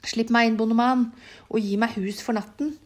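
A woman's voice: fairly high pitch, steady tone, natural voice. Woman doing a sly greedy fox. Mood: sly demanding.

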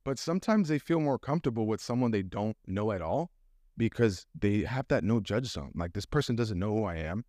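A male podcast guest in casual studio chat, often chiming in with quick agreement, swearing and laughing along. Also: fairly low pitch, expressive, darkish tone, no echo. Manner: frequent agreeing interjections, profane, laughs along.

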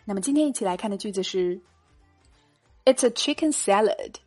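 A woman teaches a spoken English lesson, reading short dialogues and then breaking the words down slowly, sound by sound. Her voice sits at an ordinary pitch with a slightly husky edge. Faint music runs quietly beneath her. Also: animated. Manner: slow careful drilling of English sounds. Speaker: English teacher and podcast host.

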